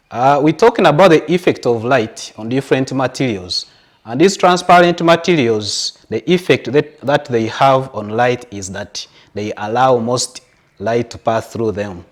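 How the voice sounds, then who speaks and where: A man with a Ugandan English accent gives a televised science lesson at a slow, unhurried pace. His pitch sits in an ordinary middle range. He explains patiently, stacking up everyday examples. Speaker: teacher.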